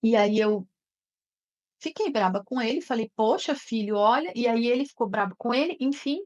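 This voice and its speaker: A woman's voice: a little high, animated, normal speed, darkish tone, lo-fi sound. A woman teaching an online class in a conversational way, often checking in with her listeners. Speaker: therapist teaching an online course. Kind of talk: live online class talk.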